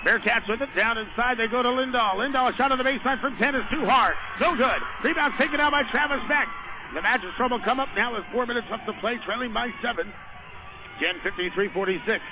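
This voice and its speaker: A fast-talking American man with a very high voice does live radio commentary on a basketball game. Inside the noisy gym, he tracks the play in short, running phrases.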